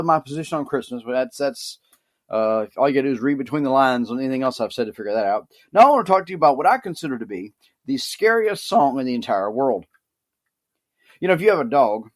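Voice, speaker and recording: A man hosting a podcast, giving a dry, sardonic, mock-serious comic monologue. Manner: lively, animated pitch. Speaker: podcast host.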